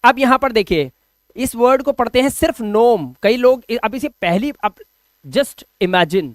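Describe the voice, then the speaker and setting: A man's voice: very high voice, lively intonation, a little slow, no room sound. A man giving an online video lesson on English pronunciation, explaining patiently in Hindi and dropping in English phrases. He keeps repeating each word and asking rhetorical questions to drill the point.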